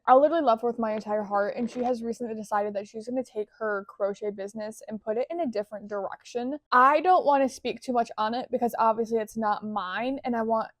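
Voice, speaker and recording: A woman's voice: on the high side, no room sound. A young woman chatting casually in a vlog, bubbly and rambling, joking at her own expense. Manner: bubbly, rambling, self-deprecating humor. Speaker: crochet vlogger.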